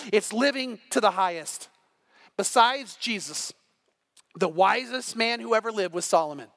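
High, bright-voiced energetic preacher man. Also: no room sound. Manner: energetic, emphatic preaching with repetitions. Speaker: pastor. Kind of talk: sermon.

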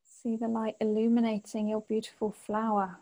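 Female meditation guide, sleep-story narrator feel: soft-toned and mellow, very even pitch, lots of space between phrases. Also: rough recording. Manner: gentle, unhurried phrasing with long pauses.

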